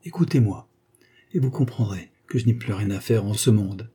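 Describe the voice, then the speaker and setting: A man's voice: fairly low pitch, expressive, moderate pace, dark tone, slightly rough. A man voicing a fervent pleading young woman. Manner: fervent, imploring. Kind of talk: audiobook dialogue reading.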